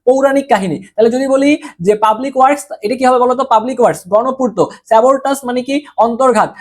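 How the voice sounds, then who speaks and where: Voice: mid-range voice, fast. A young adult teacher with a Bangladeshi Bengali accent gives a recorded exam-prep class. The teacher drills each word through repeated questions and answers and urges the students on in a familiar tone.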